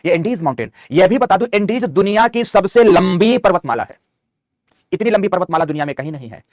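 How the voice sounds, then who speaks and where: A man's voice: high voice, lively intonation, fairly quick, a little mellow, no room sound, studio quality. A man teaching a geography map lesson. He repeats key terms and calls his students "beta". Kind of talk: online map lecture.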